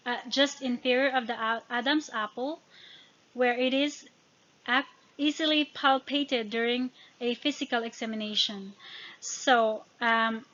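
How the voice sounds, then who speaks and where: Reading through study notes in an informal lesson, a female educator from the Philippines stumbles on technical terms and corrects herself. She speaks Tagalog and Visayan natively and has a Filipino accent, with a fairly high, bright and forceful voice. The audio is somewhat dull and lo-fi.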